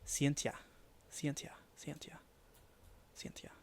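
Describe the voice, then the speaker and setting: A man streaming live, thinking aloud as he mutters and repeats made-up names to test how they sound, often dropping to a quiet murmur. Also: takes it slowly, whispered. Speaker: streamer building a fantasy world.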